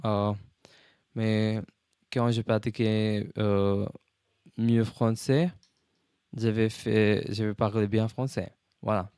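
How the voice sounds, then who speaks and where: A man with a fairly low, very smooth voice records a casual practice vlog in a dry setting. He is a learner whose French has a foreign accent, and he feels his way haltingly from word to word. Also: flat delivery, a little mellow, no room sound. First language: not French, a learner. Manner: halting, searching for words, switching between English and French. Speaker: language learner, video host.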